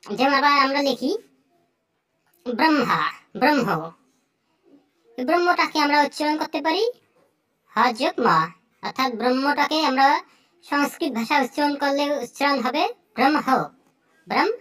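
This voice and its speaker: A young speaker teaching Sanskrit pronunciation, speaking slowly and saying each example word several times. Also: sits high, fairly even intonation, fairly bright tone.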